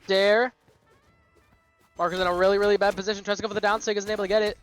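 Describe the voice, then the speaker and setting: Excitable high-pitched male esports caster. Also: fast. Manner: excitable, exclamatory. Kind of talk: esports play-by-play commentary. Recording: music behind the voice.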